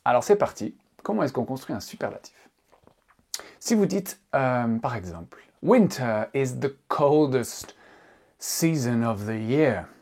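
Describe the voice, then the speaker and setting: A man teaching in an online tutorial, lively and emphatic, slowing down to stress his examples. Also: medium pitch, slightly rough. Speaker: English teacher.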